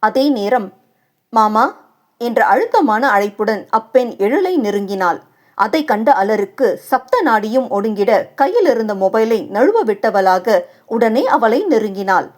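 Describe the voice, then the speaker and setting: Woman narrating a novel, a bit high. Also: measured pace. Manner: steady, expressive storytelling. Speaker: audiobook narrator.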